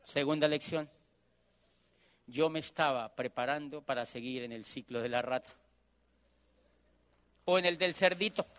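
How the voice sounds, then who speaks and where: A middle-aged Colombian man with a Colombian accent tells his story to an audience. His voice sits high for a man and sounds bright and forceful. He drives his points home by repeating phrases. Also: a little slow, pauses often. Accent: Colombian Spanish. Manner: animated storyteller who repeats phrases for emphasis. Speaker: motivational speaker. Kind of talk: motivational storytelling talk.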